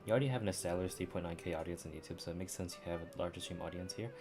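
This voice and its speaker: Speaking very fast in a low voice, a man keeps up casual chatter as he livestreams a video game. The game's music and dialogue play underneath.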